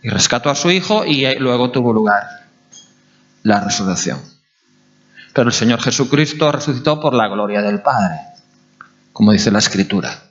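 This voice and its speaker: A male pastor, preaching a sermon in an animated way and asking his congregation questions. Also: medium pitch, normal speed, long pauses. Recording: dull lo-fi recording.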